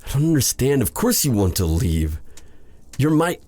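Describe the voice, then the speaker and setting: Voicing a tender, brooding dark sorcerer for a romantic fantasy audio roleplay, the man talks in a halting, intimate, husky way with old-fashioned formal language. His mid-range voice swings widely in pitch, with no echo. He comes across incredulous and stern.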